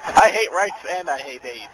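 A man chatting loudly and goofily with friends while playing a shooter game. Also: a little high, moderate pace, a crowd in the background, poor audio. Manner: loud, excitable, goofy. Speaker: gamer. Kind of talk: casual gaming chat. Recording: loud game gunfire behind.

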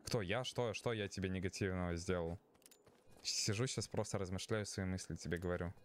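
A man's voice: low voice, brisk, slight background noise. A man streaming a game, chatting casually, swearing a lot and arguing with his chat.

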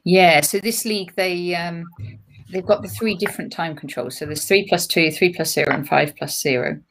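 An English woman co-commentating live online chess, briskly moving the talk from game to game. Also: lowish voice.

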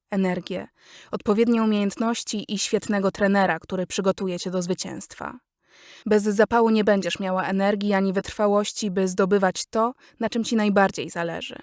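A woman narrating a business guide audiobook in a measured, instructive way, addressing the listener directly. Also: mid-range voice, a little mellow, no echo, studio quality.

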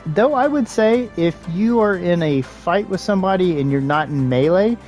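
Man giving relaxed casual game commentary. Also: high voice, faint music behind. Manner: relaxed, joking asides, occasional filler pauses. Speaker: gaming channel host.

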